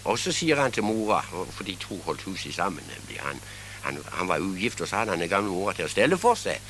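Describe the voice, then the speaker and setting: An older man with a Southern Norwegian accent spins comic yarns in a lively voice that rises and falls. He keeps chuckling at his own punchlines and stumbles over restarts, with a faint hiss behind him. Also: sits low. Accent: Southern Norwegian, Kristiansand area. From Southern Norway. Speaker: storyteller. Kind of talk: humorous anecdote telling.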